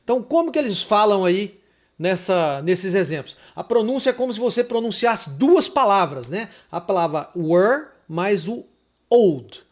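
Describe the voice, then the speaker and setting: A man from Brazil gives a casual online lesson on English pronunciation. He talks in a loose, chatty way and slows down to stress the example words, saying them again and again. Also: high-pitched, big pitch swings. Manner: chatty, repeats example words slowly and with emphasis. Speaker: English teacher.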